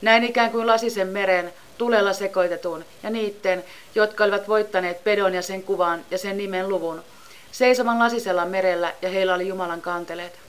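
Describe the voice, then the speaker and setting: A woman giving a measured, solemn scripted Bible reading. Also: mid-range voice, steady tone, smooth. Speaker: scripture reader.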